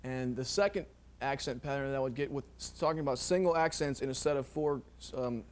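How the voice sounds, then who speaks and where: A man teaching drum technique in a relaxed, rambling way, full of ums and you knows. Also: medium pitch, a little fast. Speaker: drum instructor. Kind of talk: casual instructional explanation.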